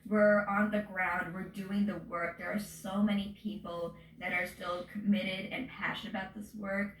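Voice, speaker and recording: A woman's voice: medium pitch, little pitch movement, moderate pace, fairly bright tone, slight background noise. Passionate young woman activist. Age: 20s. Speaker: student activist. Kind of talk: news interview statement. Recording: roomy audio.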